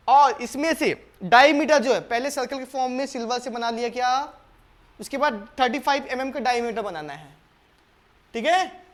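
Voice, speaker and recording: A man's voice: very high-pitched, a bit bright. A man teaching a board exam maths lesson step by step. He asks his students questions, answers them himself, repeats key steps and calls them "beta" in a patient, coaxing way. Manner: reads the English question slowly, word by word.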